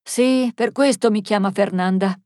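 A woman's voice: mid-range voice, measured pace, warm tone, dry recording, lightly acted. Woman voicing a gossipy shopkeeper lady, chatty, knowing, dry close sound. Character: gossipy middle-aged female newsagent.

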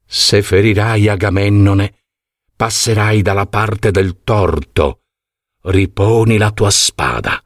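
A man voicing a hushed, protective goddess. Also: on the low side, slow, no echo, clean studio sound. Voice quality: whispered, hushed. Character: protective ancient female goddess.

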